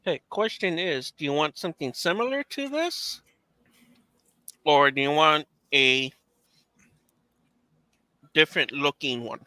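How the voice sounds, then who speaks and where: A man acting as game master, describing a shop and its wares to the players in a relaxed, matter-of-fact way. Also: fairly high pitch, a little slow, long pauses, no echo. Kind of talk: narrating and playing a shopkeeper in a tabletop game.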